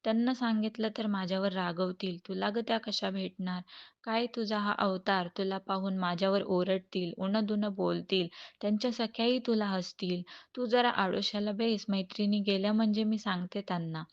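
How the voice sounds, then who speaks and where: A fussy, nervous palace maid, as a woman storyteller voices her, firing off questions in a mid-pitched voice. There is a gravelly grain to it, and the recording is dull and lo-fi. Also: steady tone, moderate pace, close to an everyday voice. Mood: questioning.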